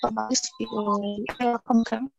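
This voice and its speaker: Polite Egyptian woman student on a breaking-up online call, dull lo-fi sound, flat delivery. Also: fairly high pitch, moderate pace, creaky, slight background noise. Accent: Egyptian Arabic. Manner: polite and apologetic. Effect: choppy, breaking-up internet call audio. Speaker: student reciting to a teacher. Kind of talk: online lesson talk. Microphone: online video call.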